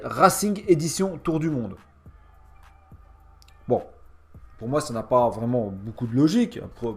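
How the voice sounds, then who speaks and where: A man hosting a casual, sarcastic game review in a mocking, slangy and emphatic manner. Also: fairly high pitch. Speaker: gaming video host.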